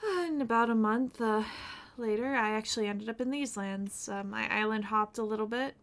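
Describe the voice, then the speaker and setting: A woman playing a young seafaring wanderer in character, talking softly and hesitantly. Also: fairly high pitch, moderate pace. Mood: calm. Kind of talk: in-character roleplay.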